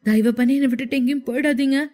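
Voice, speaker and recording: A frightened young wife in a spoken storybook, pleading and shaky with tears, as a woman narrator puts her on. Her voice climbs high when the fear takes hold. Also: fairly even intonation, very fast, warm tone, soft background music. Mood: tearful.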